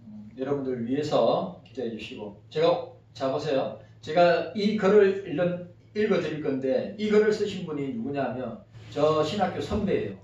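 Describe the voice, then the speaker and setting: A man's voice: a little high, expressive, moderate pace, darkish tone. A male pastor preaching a sermon, reading a text aloud and asking the congregation questions in between. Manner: conversational, asks the congregation questions. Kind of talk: sermon with read-aloud passage. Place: church sanctuary. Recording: echoey, distant, dull sound.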